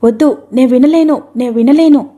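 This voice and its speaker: A woman's voice: high-pitched, moderate pace, warm tone. A woman voicing an adult son who reasons earnestly and grows agitated, in a storybook reading.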